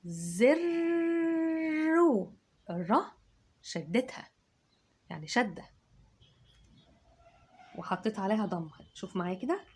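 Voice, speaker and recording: An Egyptian woman teaching children to spell, with a slightly husky voice. She speaks slowly, drawing syllables out long, and her pitch rises and falls a lot as she models the sounds. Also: sing-song. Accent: Egyptian Arabic. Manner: slow, stretched dictation of syllables. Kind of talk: dictation lesson for children.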